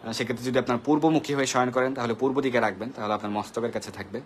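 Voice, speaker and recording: A man's voice: medium pitch, steady tone, racing, slight background noise. A man hosting a live devotional question-and-answer session, patiently explaining and greeting viewers by name. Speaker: devotional Q&A host.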